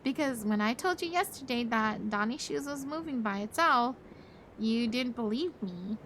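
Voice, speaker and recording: A woman's voice: fairly high pitch, expressive, moderate pace, a bit bright, a little hiss or hum. A woman live streamer telling a rambling story to her chat in a casual way, full of fillers. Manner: chatty, rambling, many fillers; greets chat viewers mid-story.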